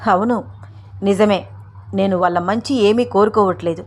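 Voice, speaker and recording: A woman's voice: medium pitch, moderate pace, lightly acted. Lady doing a stern older mom who gives orders, firm and grave, story read aloud. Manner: firm, commanding. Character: older mother figure, stern, grieving woman.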